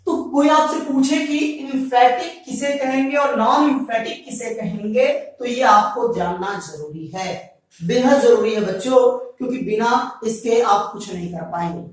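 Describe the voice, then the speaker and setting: A man teaching a grammar lesson to a class. He keeps repeating points and quizzing the students. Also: very high-pitched. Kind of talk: classroom lecture. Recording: very echoey room, mic far off.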